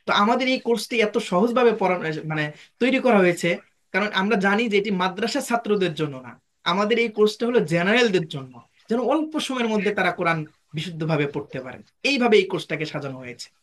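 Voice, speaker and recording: A man with a Bangladeshi Bengali accent, a Quran teacher explaining a course in a demo class, slowly spelling out sounds. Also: sits high, animated. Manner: patient, slow spelling-out of sounds.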